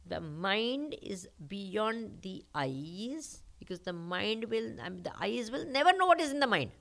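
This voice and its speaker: A woman with an Indian accent leads a spiritual discourse with questions and answers, teaching step by step, repeating points and checking that everyone follows. Her medium-pitched voice is very animated yet unhurried, gravelly and a touch bright.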